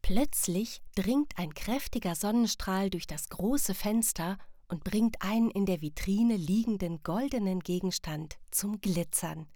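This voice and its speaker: A woman narrates a children's story calmly and clearly. Her voice sits at an ordinary pitch. The recording is dry and close. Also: measured pace, hardly any pauses, no room sound.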